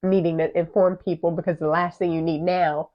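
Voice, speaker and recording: A woman in her thirties, co-hosting a podcast and telling a personal story in a candid, animated way. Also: fairly low pitch, fairly quick. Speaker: podcast co-host. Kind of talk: casual chat. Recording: muffled lo-fi audio.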